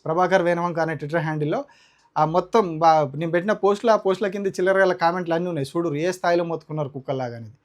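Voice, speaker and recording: High-voiced Telangana man ranting. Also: racing. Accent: Telangana Telugu. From Telangana, India. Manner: indignant, combative, rhetorical. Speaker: political commentator. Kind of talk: heated opinion commentary.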